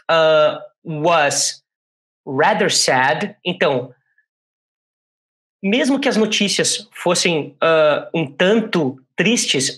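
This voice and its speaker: A man with a Brazilian Portuguese accent teaching English in a chatty classroom style, slowly repeating English phrases and checking in with "né?". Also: fairly high pitch, fairly bright tone. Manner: chatty, frequent "né?" check-ins. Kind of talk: casual classroom explanation.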